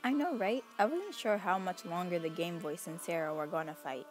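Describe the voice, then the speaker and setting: A woman's voice: on the low side, normal speed, faint music behind, lightly acted. A woman voicing a cautious, reluctant, plain-spoken teenage girl in a cartoon. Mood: uneasy. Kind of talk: acted cartoon dialogue.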